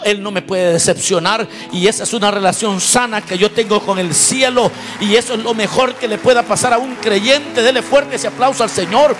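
A man's voice: high-pitched, fairly bright tone. A man preaching a sermon in an emphatic way, asking his congregation questions as he goes. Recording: long hall reverb with faint music.

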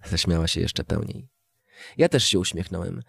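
A man's voice: deep voice, lively intonation, moderate pace, gravelly, a bit bright, husky, no echo. Matter-of-fact male storyteller, dry sound. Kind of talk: first-person story narration.

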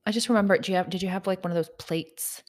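A woman in her late thirties chats as a podcast co-host. She is playful and given to exclamations, with a voice pitched on the low side. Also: fast talker. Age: 30s. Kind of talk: casual chat.

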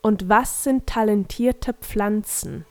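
A woman's voice: mid-range voice, slow pace, no echo, soft background music. A woman reading a curious young boy who asks blunt, puzzled questions, in a dry, close recording.

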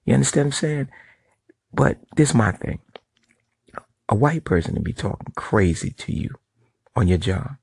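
A man's voice: mid-range voice, expressive, moderate pace, gravelly, pauses often, darkish tone, breathy edge, no echo. A man giving a casual monologue to camera, blunt and profane, in street talk that keeps checking in with "right?". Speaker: vlogger.

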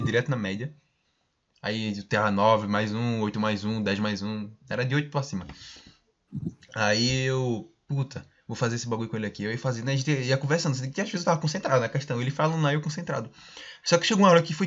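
A young man spins a story at a quick clip, slangy and lively, playing out what everyone said. The recording sounds dull and lo-fi. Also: medium pitch. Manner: animated storyteller, slangy, acts out quoted lines. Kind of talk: casual storytelling chat.

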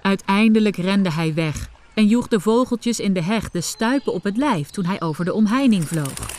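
A woman telling a fairy tale in scripted storybook narration, expressive, with dramatic jumps in pitch. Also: normal speed.

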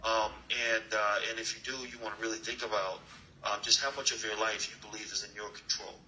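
A man hosts an online class over a video call, speaking earnestly and motivationally with plenty of fillers and restarts. His voice sits a bit low but comes across very bright and forceful. The call audio is dull and lo-fi, with a faint hiss of background noise. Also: fairly even intonation, fast. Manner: earnest, rambling with many fillers. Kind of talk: motivational talk and interview. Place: new location, dim room.

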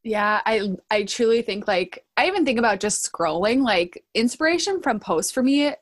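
A woman's voice: on the high side, animated, normal speed. A woman hosting a podcast in a casual, chatty interview style, informal and a little self-deprecating. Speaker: podcast host.

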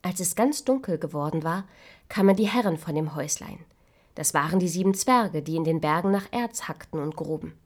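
A woman reading a fairy tale aloud as narrator, in a measured voice that softens to a hush at times. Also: fairly low pitch.

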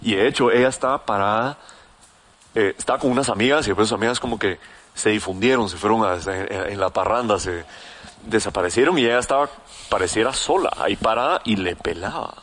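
A young man telling a story in casual, slangy chat, animated and full of restarts. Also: lowish voice, brisk.

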